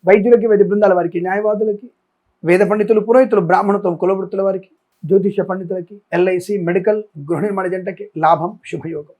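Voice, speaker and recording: Fast-talking high-voiced male astrologer. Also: fairly even intonation, a little mellow. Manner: rapid listing, emphatic appeals. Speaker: astrologer and channel host. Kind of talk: daily horoscope reading.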